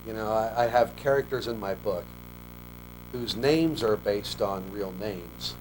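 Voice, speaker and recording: A relaxed author in his forties, originally from Australia, chats on a casual TV interview in long, loose sentences, often starting over. His lowish voice carries American English with the faint Australian trace lost, and a clear electrical hum runs under the studio recording.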